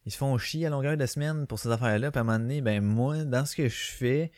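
A man's voice: medium pitch, quick pace, a little mellow, dry recording, studio quality. A man with a Québécois French accent hosting a casual solo podcast from his bedroom on a small home mic, rambling with lots of fillers and restarts. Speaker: podcast host. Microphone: small home microphone.

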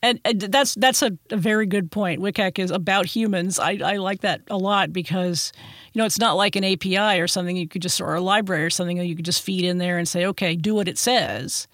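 A woman's voice: lowish voice, fairly quick, a bit bright, no room sound, studio quality. A woman hosting an interview, asking thoughtful questions with many hedging fillers. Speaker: podcast host.

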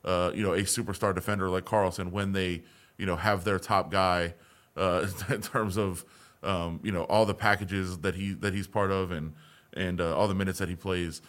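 Low-voiced man talking sports on a podcast. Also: flat delivery, normal speed, a bit bright. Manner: conversational, with frequent restarts and fillers. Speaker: podcast co-host. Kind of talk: casual sports podcast discussion.

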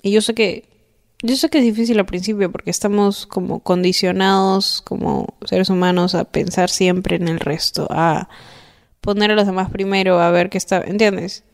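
A woman's voice: medium pitch, fairly even intonation, normal speed, vocal fry. A young woman hosting a podcast, giving casual, affectionate advice and often checking in with the listener. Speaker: podcast host.

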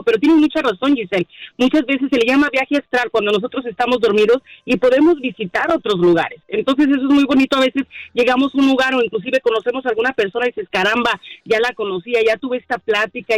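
A woman, calmly explaining dreams and spiritual matters as a radio guest. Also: a little high, fast talker, no echo, poor audio. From Mexico. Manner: calm, explanatory, spiritual advice. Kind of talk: advice on a radio show.

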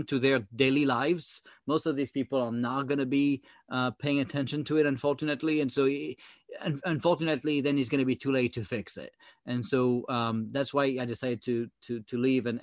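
A man's voice: medium pitch, no room sound. A man with a French accent speaks bluntly and with urgency as an interview guest, stumbling through fillers and restarts. The recording is dry and close, with no room sound. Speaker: guest, former chief software officer. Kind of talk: interview talk.

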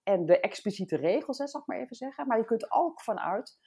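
A woman with a mellow, slightly husky voice thinks out loud in a relaxed discussion. She speaks from her own office and often pauses to hunt for the right word. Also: fairly high pitch. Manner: reflective, searching for words. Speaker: discussion guest. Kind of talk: casual discussion.

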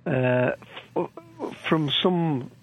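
A man's voice: a little high, extremely slow. A man co-hosting a casual podcast discussion, hesitant and often repeating words. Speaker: podcast co-host. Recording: muffled lo-fi audio.

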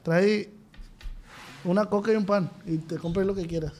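A man hosting a podcast, teasing quickly and playing along in casual banter. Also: sits high, fairly even intonation, a little mellow. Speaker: podcast host.

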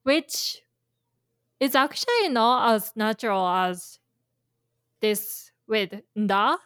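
A woman's voice: fairly high pitch, expressive, takes it slowly, a bit bright, clean tone, no room sound, clean studio sound. A woman teaching Japanese in a casual chat, explaining with imagined scenarios and plenty of fillers. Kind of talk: casual language lesson chat.

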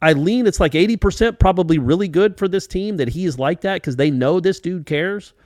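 A man hosting a casual sports podcast, animated and rambling, with many restarts. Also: sits high, a little fast, no echo, studio quality.

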